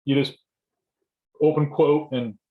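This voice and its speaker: A man lecturing informally to students as a writing instructor on a video call, halting and often restarting his phrases. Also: fairly high pitch, steady tone. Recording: dull, muffled lo-fi audio.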